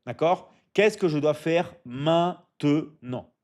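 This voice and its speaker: A man from Michigan with a somewhat high, darkish voice takes his time hosting a casual live stream. He answers viewer comments in a coaching tone, repeating "d'accord?" often and stumbling into restarts.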